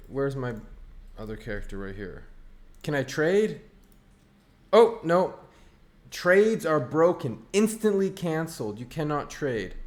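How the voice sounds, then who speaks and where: A man giving casual gameplay commentary as a streamer, ranting in an exasperated, sarcastic way. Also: on the high side. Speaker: online game streamer.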